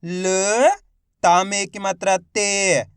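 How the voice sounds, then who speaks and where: A man teaches reading, sounding out each syllable in a slow, stretched way before he joins them into a word. His voice is smooth and clear. It is recorded close and dry with no room sound. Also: sits high, little pitch movement, no room sound. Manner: encouraging, addresses viewers as friends. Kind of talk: spelling out syllables for a reading lesson.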